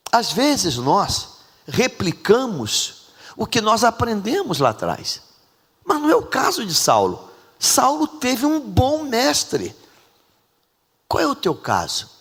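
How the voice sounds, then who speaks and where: A man preaching a sermon as pastor, emphatic and animated, repeating lines for effect. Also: very high voice, slow pace, breathy edge. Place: large church sanctuary. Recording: reverberant church hall.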